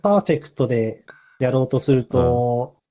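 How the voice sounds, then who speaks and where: A man chatting casually in a relaxed, offhand way. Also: mid-range voice, moderate pace. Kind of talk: casual chat. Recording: dull lo-fi sound.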